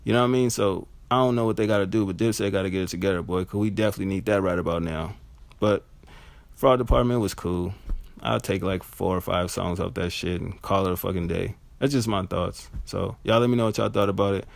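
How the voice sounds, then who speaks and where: Guy ranting about an album, gravelly voice, dry close sound, cusses a lot. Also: fairly quick, dry recording. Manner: blunt, profane, animated with high-pitched mock reactions. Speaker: music reviewer. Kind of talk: casual solo album review.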